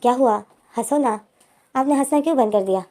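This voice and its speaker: A woman voicing a shy, clumsy young man in a retold romance story, speaking softly and gently. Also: a little high, brisk, lightly acted. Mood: gentle.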